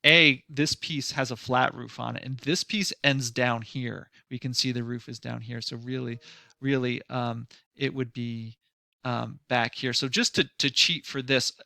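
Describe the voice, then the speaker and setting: Gravelly, bright-voiced man teaching software. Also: medium pitch, steady tone, measured pace, no echo, clean studio sound. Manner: thinks aloud while working, loose and conversational, with frequent fillers and restarts; mildly sarcastic at times. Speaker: design instructor. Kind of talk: screen-recorded software tutorial.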